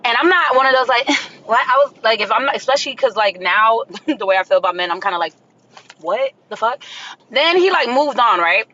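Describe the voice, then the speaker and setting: A woman ranting to camera in a casual, animated way, telling a story and breaking into shrill screams. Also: fast talker, highs cut off. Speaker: social media poster.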